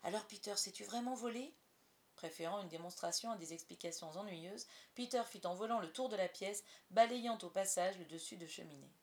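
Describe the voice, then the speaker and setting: A woman narrating a storybook aloud with expressive storytelling. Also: fairly low pitch, brisk, few pauses. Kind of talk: audiobook narration.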